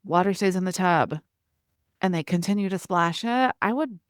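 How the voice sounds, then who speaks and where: Lower-voiced woman expert, animated and dry. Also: smooth, no room sound. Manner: animated, acts out parent-child exchanges in quick quoted asides. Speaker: parenting expert guest. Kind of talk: conversational interview.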